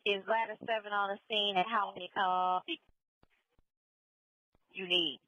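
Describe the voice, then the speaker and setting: A woman's voice: mid-range voice, fairly even intonation, measured pace, bright, forceful tone, dry recording. A woman working as a fire dispatcher on urgent firefighter radio, repeating back reports in clipped, procedural phrases. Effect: two-way radio. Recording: dull lo-fi radio audio.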